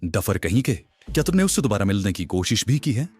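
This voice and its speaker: A man playing a wry young detective with a low voice who teases and talks offhandedly. The lines swing up and down expressively, with quiet music behind this audiobook reading. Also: sing-song, fairly quick, breathy edge, no room sound. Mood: teasing. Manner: teasing, offhand.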